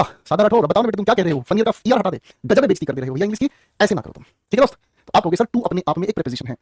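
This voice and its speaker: A man's voice: high voice, a little mellow, husky, dry recording, studio quality. A man teaching English grammar in an online class, joking and teasing students as he goes.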